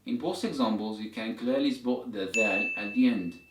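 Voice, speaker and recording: A man's voice: lowish voice, background noise. Man teaching a language lesson, roomy echo. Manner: methodical, repeats examples slowly for learners. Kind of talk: instructional lesson, step-by-step explanation. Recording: roomy echo, distant mic, music behind.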